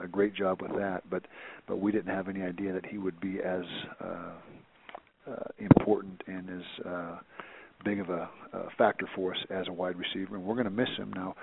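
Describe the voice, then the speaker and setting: A man's voice: sits low, creaky, a little hiss or hum. A man, a college football head coach, answering reporters' questions on a teleconference, rambling with many restarts and fillers. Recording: tinny phone line.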